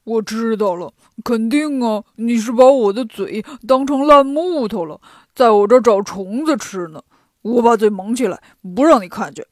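A woman voicing a lazy, boastful male pig-demon disciple who grumbles loudly in a gruff, whiny voice, for a children's story. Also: fairly high pitch, moderate pace, no echo, clean studio sound, lightly acted. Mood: indignant.

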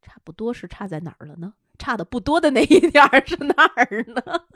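A woman podcast co-host telling a travel story in casual chat, animated and often laughing as she acts out quotes. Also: high voice, brisk, dry recording, studio quality.

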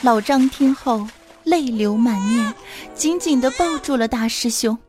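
A woman hosts a comedy podcast with a high, bright-pitched voice, teasing and joking in an animated way. She narrates the setups of the jokes herself. Music plays clearly behind her the whole time. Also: unhurried. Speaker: podcast host. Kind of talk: comic podcast hosting. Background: background music.

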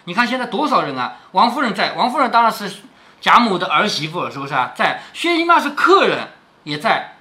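A man talking through a classic novel for his daughter, pausing to explain old words and tossing in rhetorical questions as he goes. His voice is bright and clear, and his pitch rises and falls a great deal. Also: big pitch swings. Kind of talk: explanatory storytelling.

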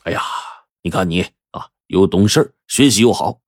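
An effusive middle-aged company boss, as a male storyteller puts him on, full of drawn-out exclamations and a low voice. He speaks slowly and warmly, and the close recording is dry. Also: expressive, no room sound.

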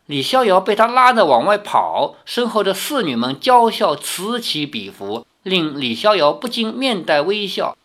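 Guy reading a novel aloud, lively up and down voice, chats to listeners in between. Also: high voice, measured pace, few pauses. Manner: relaxed, chatty asides to listeners. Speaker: audiobook narrator. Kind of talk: storytelling novel reading with asides.

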